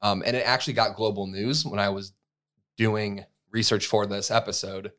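A man in his thirties from the United States, co-hosting a podcast with a fairly low voice. He tells a story in an easygoing, conversational way, full of fillers and restarts. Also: fairly even intonation, moderate pace, a bit bright. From USA. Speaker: podcast co-host. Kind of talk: casual chat.

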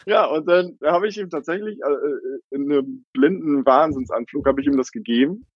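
A man's voice: on the high side, normal speed, husky, dry recording. Young man, casual storyteller, fillers, dry close sound, muffled lo-fi. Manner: chatty, many fillers, laughs often. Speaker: coffee cart founder.

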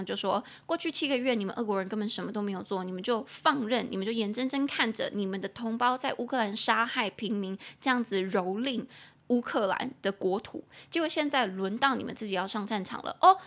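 A woman with a Taiwanese Mandarin accent hosting an English-learning podcast, reading English lines slowly and then explaining them in casual Mandarin. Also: mid-range voice, fairly bright tone. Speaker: podcast host teaching English.

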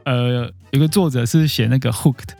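A man chatting casually as co-host of a podcast, speaking at an ordinary middle pitch. He nods along with quick repeated agreements and laughs easily. Faint music plays under the voice. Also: creaky, darkish tone, no echo. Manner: chatty, frequent 对对对 agreement, laughs often. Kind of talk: casual chat.

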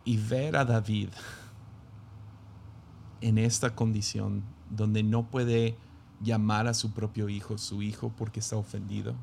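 A man's voice: lowish voice, little pitch movement, measured pace, gravelly, pauses often, a little mellow, slight background noise. A man, a pastor, reading scripture aloud and then musing on it in a reflective sermon, with frequent restarts.

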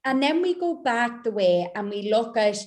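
A woman's voice: a little high, sing-song, moderate pace, darkish tone. A woman speaking as a mindset coach in a podcast interview, making her points in short, emphatic, repeated sentences.

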